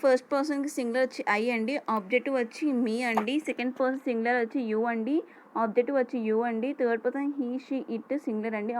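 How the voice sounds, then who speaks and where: A woman with a Telugu accent teaching English grammar, reading English definitions slowly and explaining them in Telugu. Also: a little high, a little hiss or hum, rough recording. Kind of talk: explanatory lesson over slides.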